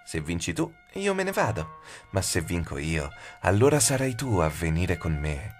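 A man voicing a sinister faceless shadow woman who speaks softly, taunting and cold, in an audiobook. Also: deep voice, very animated, moderate pace, faint music behind. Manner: soft, taunting, half-whispered. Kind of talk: audiobook character voice.

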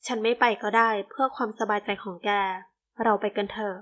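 A woman reading as a worried gentle young woman. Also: fairly high pitch, fairly even intonation, a little fast, close to an everyday voice. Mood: pleading. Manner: pleading, soft.

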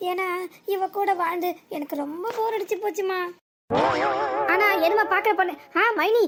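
A woman's voice: extremely high pitch, fairly bright tone. A woman voicing a smug young husband teasing his wife in a cartoon, with a southern Tamil Nadu accent. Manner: mocking, playful teasing.

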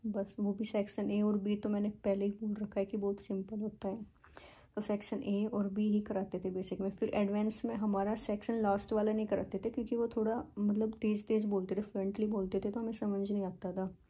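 A young woman from India chats through a personal story in a casual vlog, her speech full of fillers and English words. Her voice is very dark and mellow with a husky grain. She keeps her pitch quite flat. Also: fairly quick. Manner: chatty, many fillers, mixes in English words. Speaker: vlogger.

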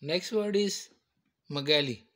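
Man slowly explaining medical terms. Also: a little high, a bit bright. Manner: slow, repetitive, explains step by step. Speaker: teacher. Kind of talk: medical terminology lecture.

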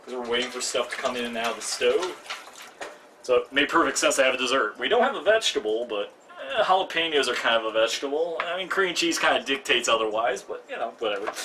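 A man's voice: mid-range voice, lively intonation, a little fast, sharp tone. A young man hosting a live cooking stream in his home kitchen, chatty and self-mocking with jokey asides. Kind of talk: casual live cooking demo. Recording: distant mic, noisy kitchen.

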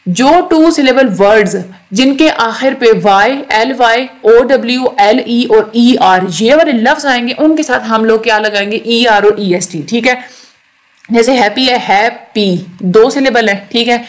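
A woman teaching a recorded lecture, explaining slowly, repeating words and checking in often. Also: fairly high pitch. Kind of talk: recorded lecture on English grammar.

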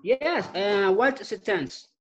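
Brief: male student from the Dominican Republic, slow and hesitant, dull video-call sound. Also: high voice, lively intonation, fairly bright tone. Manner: halting, hesitant English with fillers.

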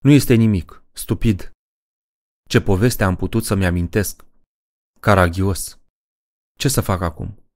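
A man's voice: low-pitched, long pauses, lightly acted. A man reading a frightened young woman. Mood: anxious.

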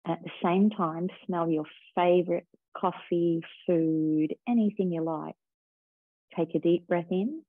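A woman teacher slowly guiding a breathing and body-awareness meditation in a calm, soothing way. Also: fairly low pitch, no room sound. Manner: slow, calm, soothing guidance. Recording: tinny phone-like sound.

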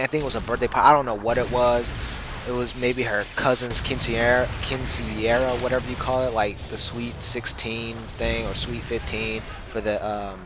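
A man's voice: mid-range voice, background noise. A young man telling a casual story in laid-back slang, laughing often. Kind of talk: casual anecdote over gameplay. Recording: gameplay audio with gunfire behind.

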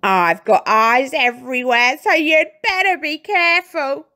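Woman doing a spiteful old storybook hag, shrill and sneering, gravelly edge, voice pitched up. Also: measured pace, pushed and bright, dry recording, clean studio sound, heavily acted. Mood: cackling.

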